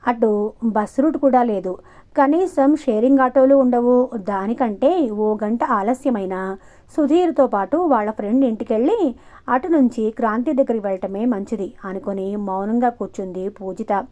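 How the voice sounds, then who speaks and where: A woman storyteller narrating an audiobook novel with a steady, expressive reading. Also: on the high side, normal speed. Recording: muffled lo-fi recording.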